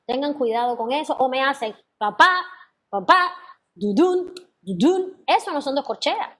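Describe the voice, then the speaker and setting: A woman teaching a singing class, explaining patiently and singing sample notes and scat syllables. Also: high voice. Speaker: vocal teacher. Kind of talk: online class feedback to students.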